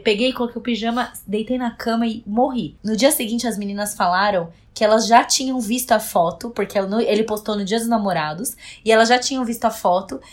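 A young adult woman with a Brazilian Portuguese accent, chatting casually and telling a personal story in a lively way, with some swearing. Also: a little high, fairly quick, few pauses. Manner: animated storyteller, swears freely. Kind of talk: casual chat.

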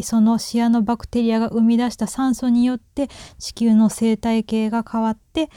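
A woman's voice: medium pitch, dark tone, smooth, no room sound, studio quality. A woman with a Kansai accent hosting a solo radio talk, shy and nervous and making self-deprecating jokes into a microphone. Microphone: talking alone into a microphone.

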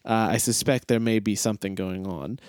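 A man's voice: fairly low pitch, fairly even intonation, a little fast, clear, resonant tone, dry recording. A man playing a tabletop game in character, fussy and hesitant with many fillers. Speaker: player.

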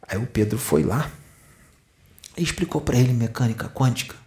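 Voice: medium pitch, animated, normal speed, mellow. A spiritist lecturer with a Brazilian Portuguese accent, telling a story in a conversational way and acting out the dialogue in different voices.

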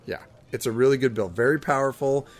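Conversational man, mid-pitched podcast co-host. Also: brisk, soft background music. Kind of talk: casual chat, recounting gaming. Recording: faint background ambient noise.

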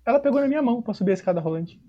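A man with a São Paulo accent telling a personal story in casual chat, slangy and animated, acting out quoted dialogue. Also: very high voice, very fast. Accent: São Paulo Portuguese. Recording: dull lo-fi recording.

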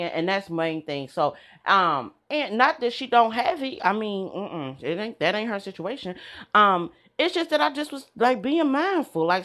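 A woman hosting a podcast, telling a story in a chatty, animated way and talking straight to her listeners. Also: mid-range voice. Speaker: podcast host. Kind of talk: casual storytelling.

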